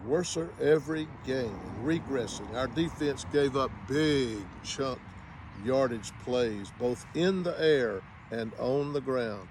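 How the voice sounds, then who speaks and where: A man's voice: medium pitch, takes it slowly, background noise. A man giving a casual spoken review of a football game, with wry, sarcastic humor.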